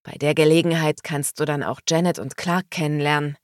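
A woman voicing a calm, affectionate young man in a storybook, a little lower than her narration. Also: fairly quick, no echo, clean studio sound, natural voice.

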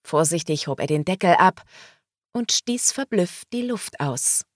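A woman reading a novel aloud as audiobook narrator, in slow, even storytelling. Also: fairly low pitch, dry recording, clean studio sound.

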